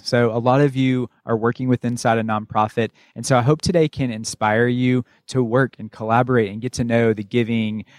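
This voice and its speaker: A man's voice: lowish voice, dry recording, studio quality. An American man co-hosting a podcast in an informal, enthusiastic and conversational way. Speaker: podcast co-host.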